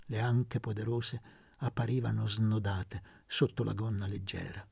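A man reading a novel aloud as an audiobook narrator, in a measured, steady way. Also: lowish voice, vocal fry, husky, no echo. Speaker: audiobook reader. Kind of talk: scripted narration.

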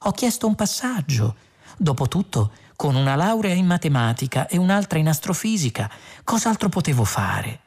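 A woman reading a calm dry clever young woman. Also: deep voice, normal speed, breathy edge, voice pushed up, full character voice.

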